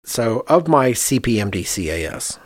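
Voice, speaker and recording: Fairly low in pitch yet swinging widely, the architect's voice moves at a moderate pace in studio-quality audio with no room sound. He hosts a casual podcast conversation, emphatic and full of rhetorical questions.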